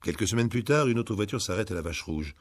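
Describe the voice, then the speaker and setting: A male narrator giving a dramatic audiobook reading with storyteller pacing that swells and hushes. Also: on the low side, animated, quick pace, dry recording.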